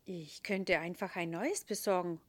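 A woman voicing an eager little boy angel in a children's Christmas story, bright and chirpy. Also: lowish voice, steady tone, measured pace.

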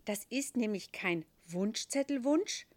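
A woman voicing an eager little boy angel in a children's Christmas story, bright and chirpy. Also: fairly high pitch, lively intonation, unhurried.

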